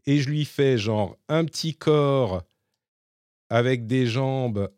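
Man, podcast host, casual explainer, mid pitch, dry close sound. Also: takes it slowly, darkish tone, no room sound. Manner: explaining and demonstrating tools live, chatty. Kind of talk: casual tech chat.

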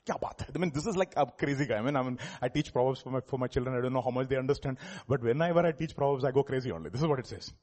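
A man with an Indian accent and a husky voice preaching in an informal teaching style, repeating phrases for emphasis and putting questions to his congregation. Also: mid-range voice, very fast, few pauses, darkish tone. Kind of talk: sermon with informal teaching asides.

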